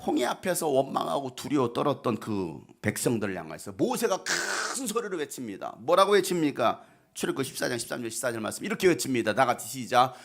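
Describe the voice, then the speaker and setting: A male pastor preaching a sermon in an emphatic style, swinging between loud outbursts and soft, hushed asides. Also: mid-range voice, very animated, brisk, gravelly.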